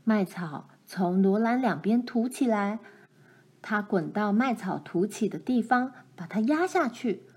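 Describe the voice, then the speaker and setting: A woman reading a children's storybook chapter aloud, gentle and expressive. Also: medium pitch, a little slow, slightly rough.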